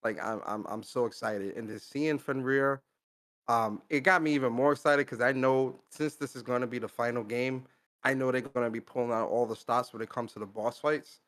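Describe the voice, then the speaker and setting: Man, podcast co-host, casual chat, excitable, repeats words. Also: mid-range voice, normal speed. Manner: excitable, hyped, laughs often, repeats words.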